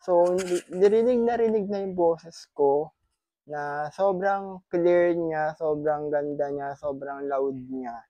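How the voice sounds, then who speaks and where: Chatty Filipino man vlogging, higher voice. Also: slow, mellow, no room sound, muffled recording. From Philippines. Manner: chatty, repeats thanks, playful teasing. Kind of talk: casual unboxing vlog. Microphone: wireless clip-on microphone.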